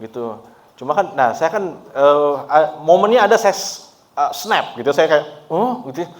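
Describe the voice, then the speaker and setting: A man preaching a sermon at a church service in a relaxed, chatty way, often laughing and mixing in English words. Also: on the high side, moderate pace. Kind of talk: conversational sermon.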